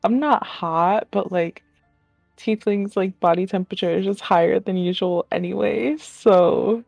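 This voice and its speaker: A woman's voice: medium pitch, a little slow, gravelly, a little mellow, dry recording, faint music behind. A woman playing a tabletop game over voice chat, talking casually with lots of "like" and giggles. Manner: giggly, talks with filler "like". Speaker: player.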